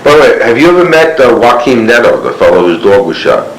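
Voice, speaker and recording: A man's voice: medium pitch, very animated, fast talker. A man conducting an interview on an old cassette tape, asking probing follow-up questions. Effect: old cassette tape recording. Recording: hissy echoey cassette tape.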